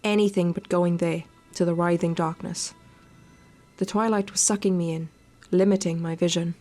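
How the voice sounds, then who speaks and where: A streaming woman reads a visual novel's story with expression, slipping in teasing, crude-mouthed commentary as game music plays underneath. Her lowish voice is mellow, with fairly even intonation and a moderate pace.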